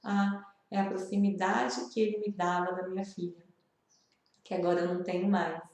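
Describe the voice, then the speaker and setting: A woman's voice: mid-range voice, little pitch movement, moderate pace, darkish tone, very echoey. A woman with a Brazilian accent, talking earnestly and confidingly to the viewer in a personal vlog. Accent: Brazilian Portuguese. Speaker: video host sharing grief advice. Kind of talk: personal vlog talk to camera.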